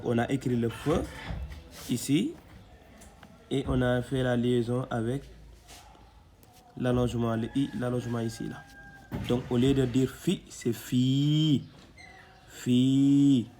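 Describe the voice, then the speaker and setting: A man teaching a reading lesson, slowly sounding out syllables and repeating them patiently. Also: mid-range voice, gravelly, slight background noise.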